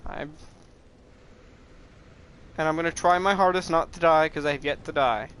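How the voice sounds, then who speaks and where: A young man rambling through live gameplay commentary as a streamer, excitable and swearing at the game. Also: on the high side, normal speed, a little hiss or hum. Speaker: gaming streamer.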